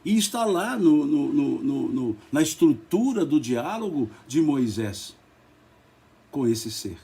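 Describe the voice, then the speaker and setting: A man with a Brazilian Portuguese accent leading a spiritist study, slow and emphatic, spelling out letters and repeating words. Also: fairly high pitch, big pitch swings, vocal fry, dark tone, slightly rough. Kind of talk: religious study talk.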